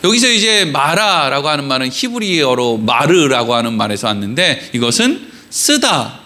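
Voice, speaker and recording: A man pastor preaching a sermon in a church, animated and joking with the congregation, acting out quoted voices. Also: medium pitch, normal speed. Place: church sanctuary.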